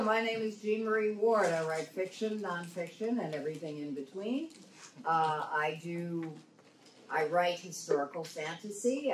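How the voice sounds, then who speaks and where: A woman writer talking casually as a panelist at a convention. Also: lowish voice. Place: indoor convention panel room. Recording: echoey room, distant mic, faint noise.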